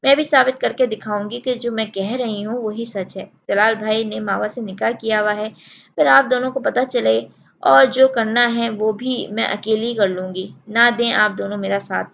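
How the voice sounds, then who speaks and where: A woman's voice: on the high side, fairly even intonation, vocal fry, a bit bright, muffled recording, a little hiss or hum. A woman narrator voicing a stubborn young woman who takes offence easily, with a petulant, indignant delivery.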